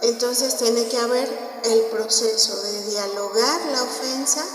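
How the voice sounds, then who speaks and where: A woman's voice: a little high, steady tone, a little slow, faint music behind. A woman with a Mexican accent gives an informal parish talk on family life, telling stories and often checking in with her listeners. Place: parish hall. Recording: very echoey hall, voice from far off, faint noise.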